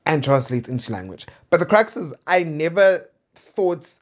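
On his personal diary podcast, a South African man in his twenties delivers a casual, confessional monologue full of candid talk and playful asides. He's from suburban Centurion and speaks Pedi as his first language; his voice is fairly high and animated at a moderate pace, with lo-fi sound.

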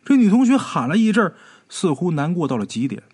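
A man tells a ghost story with dramatic, animated delivery. His voice sits a little high for a man and swings widely in pitch, with a husky grain throughout. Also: quick pace.

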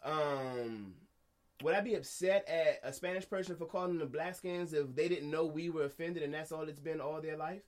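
A man co-hosting a casual discussion podcast, arguing his point in an animated, emphatic way, restarting his sentences and using slang. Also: fairly high pitch, moderate pace. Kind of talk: casual debate chat.

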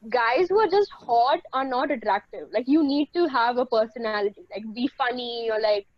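A woman's voice: on the high side, moderate pace, highs cut off. Chatty young woman, lots of "like". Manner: animated, says "like" a lot. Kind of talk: casual chat.

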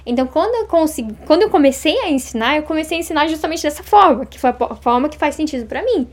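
A woman in her thirties from Brazil, chatting as an interview guest, talking fast and acting out little quoted exchanges. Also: sits high, lively intonation. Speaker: interview guest, Japanese teacher. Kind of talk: casual interview chat.

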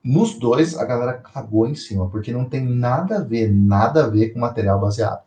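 A man co-hosting a podcast in casual chat, slangy and animated, often repeating himself. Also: medium pitch, a little fast, echoey room. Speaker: podcast co-host.

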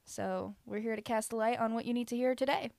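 A woman's voice: a little high, fairly even intonation, gravelly, darkish tone, no echo. Bubbly woman co-hosting a podcast. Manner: bubbly, quick to laugh. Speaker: podcast co-host. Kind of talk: casual podcast chat.

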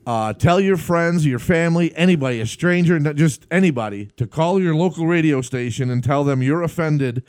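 Animated storytelling man, dry sound. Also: on the high side, normal speed, hardly any pauses, no room sound. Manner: animated storytelling, laughs often. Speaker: podcast host. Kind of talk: casual live podcast chat.

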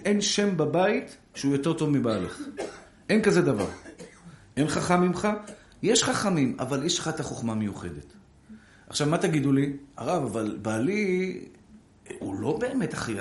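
A rabbi preaching to an audience about marriage, acting out little dialogues between spouses in changing voices. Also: male voice, fairly high pitch, echoey room. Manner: animated, acts out short dialogues with shifting voices. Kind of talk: sermon on marriage.

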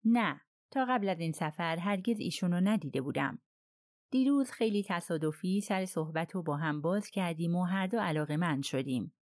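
Woman reading stiff english colonel, cold and curt, lowish voice, dry sound. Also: animated, dry recording, natural voice. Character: reserved stiff English army colonel, man.

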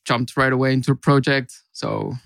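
Relaxed Mexican man recounting his path. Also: mid-range voice, a little fast, dry recording. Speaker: consultant, podcast guest. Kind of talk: casual interview storytelling.

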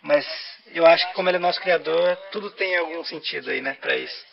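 A man's voice: fairly high pitch, fast talker, vocal fry, dull audio. A Brazilian man co-hosting a podcast with a half-robotic voice filter, teasing and reading out donations as a programmed machine. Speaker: podcast co-host. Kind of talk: casual banter and reading donations. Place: podcast studio.

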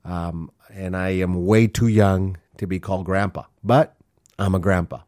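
Unhurried and steady, this low, darkish male voice belongs to a Minnesota-raised podcaster in his forties who was born in Honduras. He rambles earnestly through a casual solo monologue, restarting often and leaning on fillers. The studio recording has no room sound.

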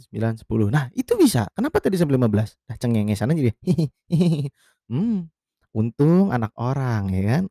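A man's voice: no echo, studio quality. A man telling a story in casual slang, acting out quoted lines and sounding exasperated. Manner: animated, acts out quotes with raised pitch, exasperated.

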